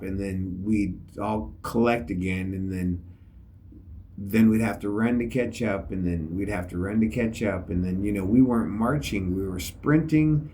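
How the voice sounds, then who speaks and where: Middle-aged man, very low voice, unhurried reflective storytelling, faint hiss behind. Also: darkish tone. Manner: rambling, frequent fillers. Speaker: army veteran telling a story. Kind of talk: casual spoken reflection.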